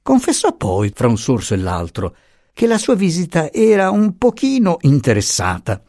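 A man narrating a classic novel as an audiobook, measured and expressive, recorded close on a studio mic. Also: a little high, dry recording.

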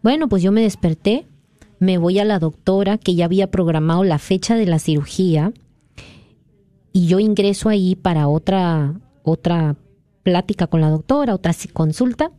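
A woman's voice: on the low side, moderate pace, no echo. Woman from Peru telling a dream. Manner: earnest, animated retelling of a dream. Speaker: guest sharing a testimony. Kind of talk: conversational storytelling.

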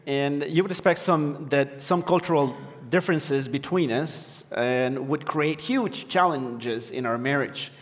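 A man's voice: on the high side, measured pace, few pauses, in a large hall. A man from Ecuador preaching as a pastor, hesitant with many fillers and restarts. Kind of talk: sermon. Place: church sanctuary.

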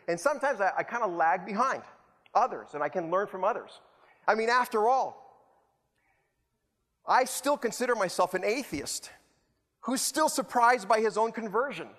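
Preaching with a high, fairly bright voice, a Salvadoran man fills his sermon with rhetorical repetition and jokes at his own expense. A long reverb from the hall hangs on his words.

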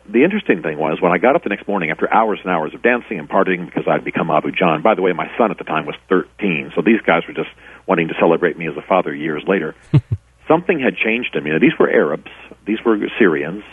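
Deep husky man on a tinny phone line. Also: animated, fast, no room sound. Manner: earnest, rambling, with many restarts. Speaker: author and former pastor, guest. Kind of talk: radio interview storytelling.

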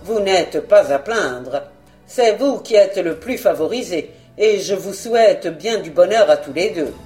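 A woman voicing a greedy hunchbacked male secretary in a storybook reading, speaking gruffly with a lowered voice. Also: lively intonation, a little slow, warm tone, faint music behind. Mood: sly. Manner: gruff, muttering.

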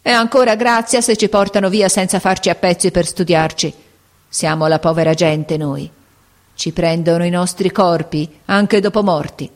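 A bitter middle-aged woman sick in a hospital bed, mocking and moaning with a sinister edge. Her voice sits above the storyteller's own lower tone, as a woman reader acts her out. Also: steady tone, normal speed, lightly acted. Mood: scornful.

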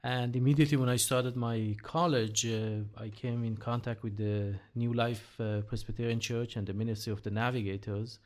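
A man's voice: medium pitch, flat delivery, darkish tone. Earnest middle-aged Israeli man. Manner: earnest, many "uh" pauses. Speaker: interview guest. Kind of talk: conversational interview.

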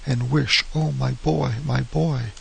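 A man voicing a grieving old mother who pleads feverishly in an old horror story, in his own husky, gravelly voice. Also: medium pitch, steady tone, slow, a bit bright, full character voice, poor audio. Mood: frantic. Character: frantic grieving old mother, wild with hope.

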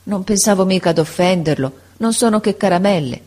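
A woman's voice: medium pitch, fairly quick, mellow, voice pushed up, lightly acted. Woman reading as a timid pleading poor mother. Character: poor anxious humble mother, middle-aged.

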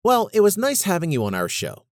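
A man's voice: high voice, wildly swooping pitch, brisk, no room sound, studio quality, pitched above the performer's own voice. A man reading a story and voicing a fidgety female TV show host with short, clipped remarks. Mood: prim.

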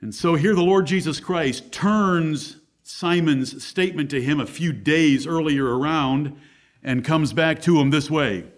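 Blunt preacher at a pulpit microphone. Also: male voice, on the high side, unhurried. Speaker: pastor. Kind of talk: sermon.

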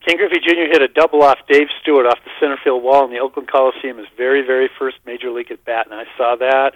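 Over a dull, lo-fi phone connection, an older radio guest with a mid-range voice chats casually and excitedly about baseball days gone by, wandering from story to story. There's no room sound.

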